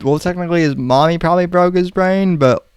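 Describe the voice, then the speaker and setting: A man co-hosting a podcast on a call, talking slowly and hesitantly with many fillers. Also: sits high, clear, resonant tone. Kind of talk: casual chat on a call.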